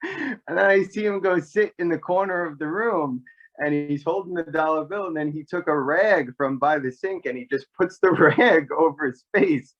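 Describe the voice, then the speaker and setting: A man from New York telling a family story casually, animated and full of fillers. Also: fairly high pitch, normal speed, dull audio. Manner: animated, rambling with many fillers. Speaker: podcast guest, actor.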